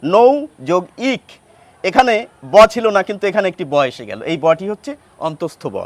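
High-voiced Bengali teacher, slow and deliberate. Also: male voice, very animated, no echo. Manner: deliberate, sounds out example words, asks questions then answers them. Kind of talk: grammar lesson.

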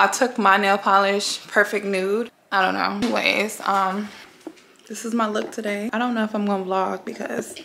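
A woman's voice: medium pitch, gravelly, noisy background. A young woman vlogging casually about her outfit and perfumes, then talking to a close-held phone camera in a gym locker room, rambling and correcting herself as she goes. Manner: chatty, rambling, self-correcting. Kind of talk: casual get-ready-with-me vlog talk.

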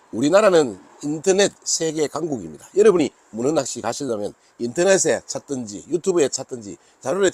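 This older rod maker, in his sixties and speaking with a Gyeongsang accent, has a husky, darkish voice at medium pitch. Pitching his fishing rods casually to camera, he jokes, refers to himself by his nickname, and banters with himself.

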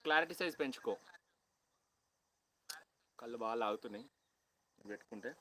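A young man from Telangana with a Telangana Telugu accent, chatting loudly with viewers on a phone live stream outdoors on a college campus, half-shouting and greeting people by name. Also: mid-range voice, animated, brisk, slight background noise, poor audio. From Telangana, India. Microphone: phone held at hand, no external mic.

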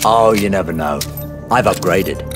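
An actor playing a brash, wisecracking time-travelling hero in a theatrical audio drama. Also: male voice, sits low, measured pace. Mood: wry, flippant. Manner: theatrical, quippy, swings from shouts to murmurs. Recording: trailer mix under loud music.

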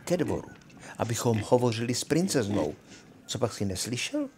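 A man's voice: mid-range voice, very animated, darkish tone, slight background noise, close to an everyday voice. An older man reading aloud and voicing two scornful, learned young brothers who sneer at their sibling. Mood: mocking.

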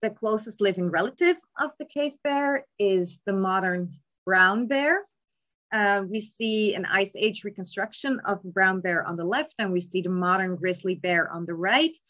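A young woman lecturing on palaeontology gives a slide lecture on cave bears over a webcam video call from an indoor room, speaking remotely. Her mid-pitched, slightly bright voice is patient, measured and explanatory but heavy with ums, and the recording sounds muffled.

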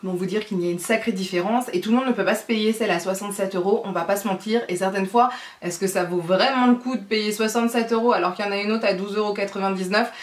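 A woman's voice: medium pitch, fast. Chatty woman vlogger in an echoey room. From France. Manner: chatty, explains as she works, frequent fillers. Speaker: beauty vlogger. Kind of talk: casual makeup tutorial chat.

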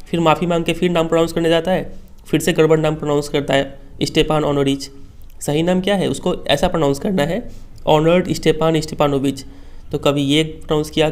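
A man's voice: a little high, clean tone. A male teacher patiently explaining a school text line by line, often checking that students follow.

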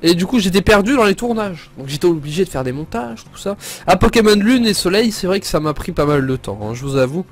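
An excitable man chatting casually through his gameplay, joking and laughing as he goes. His voice sits a bit high, and faint game music plays underneath. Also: quick pace, few pauses. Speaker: let's play gamer.

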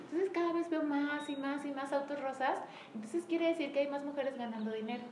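A Mexican woman leading a sales team meeting in casual motivational talk, acting out quoted dialogue with lively shifts. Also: high-pitched, a little fast. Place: room with a small group present. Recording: echoey room, faint background noise.

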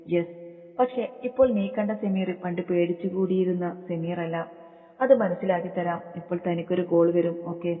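A man's voice: high voice, steady tone, normal speed, lightly acted. A man voicing a smug, menacing rival taunting someone over the phone in a storybook reading. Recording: tinny phone-like sound with long reverb.

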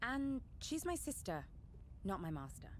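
A woman's voice: on the high side, very animated, measured pace, slight background noise. An actress voicing a young woman diver in a video game, blunt and sarcastic in her replies.

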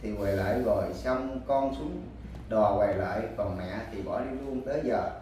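A man from Cà Mau with a southern Vietnamese Mekong Delta accent, telling in a halting, repetitive way how he has searched for his wife. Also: fairly low pitch, warm tone. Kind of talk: personal account in an interview. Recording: very echoey, distant, faint background noise.

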